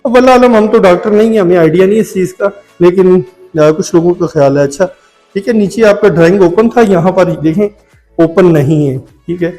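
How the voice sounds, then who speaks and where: A man's voice: sits high, a little fast, dark tone, faint music behind. A man with a Pakistani Urdu accent, talking casually as he walks through a house for sale, drifting into side stories and often checking in with "theek hai". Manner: chatty, digressive, often adds "theek hai". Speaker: vlogger touring a house for sale. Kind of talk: casual walk-through commentary. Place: indoors and on a rooftop of a house.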